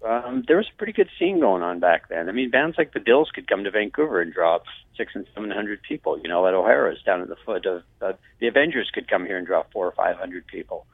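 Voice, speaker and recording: A man with a lowish voice comes through a thin, tinny phone line that keeps breaking up. He talks in an easygoing, halting way, with plenty of ums. The line is dry and close, with no room sound around it. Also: husky, no echo. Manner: relaxed and hesitant, with many fillers. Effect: bad phone connection, breaking up. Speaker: musician guest on the phone. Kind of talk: casual interview chat.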